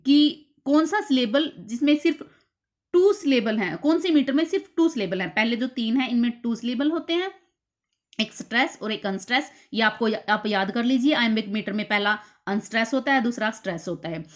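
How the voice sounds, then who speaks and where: Woman tutor, slightly high pitch, patient exam-prep lecture that repeats key terms. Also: lively intonation. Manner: explains slowly, repeats key terms and quizzes herself. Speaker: teacher.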